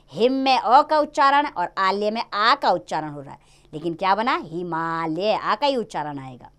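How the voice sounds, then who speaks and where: A woman teaching a grammar lesson to children, explaining rules step by step and stressing each example. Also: medium pitch. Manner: lively, sing-song explaining with stressed examples.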